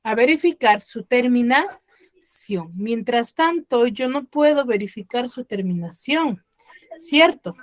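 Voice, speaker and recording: A woman teacher giving an online class, quizzing her students and slowing down to stress key words. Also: fairly high pitch, dry recording. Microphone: computer mic on a video call.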